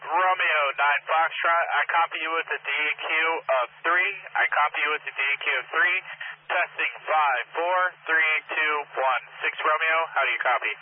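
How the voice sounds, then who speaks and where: Higher-pitched man over a tinny walkie-talkie. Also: fairly even intonation, moderate pace. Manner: clipped, repetitive call-sign delivery. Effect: two-way radio transmission. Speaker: radio operator answering test calls. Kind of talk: procedural radio check over walkie-talkie. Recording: tinny walkie-talkie link with faint static.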